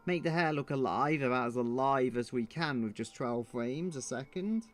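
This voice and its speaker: A man's voice: medium pitch, moderate pace, faint music behind. A man streaming his drawing, thinking aloud in a muttering, self-deprecating way.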